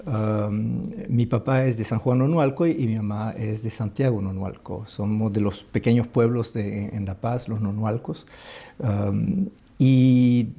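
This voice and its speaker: A man from El Salvador, an ambassador, talking in an interview in a thoughtful, halting way with many restarts. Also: fairly low pitch, warm tone. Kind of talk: conversational interview.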